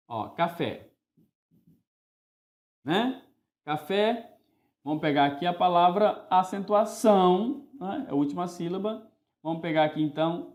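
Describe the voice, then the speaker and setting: A male teacher giving a grammar lesson, animated and playful, sometimes calling words out in a singsong voice to show the stressed syllable. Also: high-pitched, echoey room.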